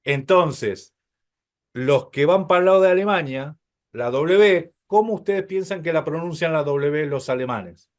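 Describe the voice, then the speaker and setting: A man's voice: on the high side, a little slow. A man teaching a Hebrew class, explaining patiently, calling his listeners brothers and checking often that they follow.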